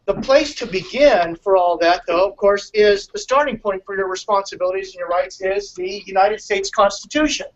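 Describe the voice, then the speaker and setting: High-voiced man lecturing from a distance. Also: moderate pace, few pauses. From California. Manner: friendly, conversational, with restarts. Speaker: attorney teaching a civics class. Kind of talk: classroom lecture. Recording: dull, distant mic with faint noise.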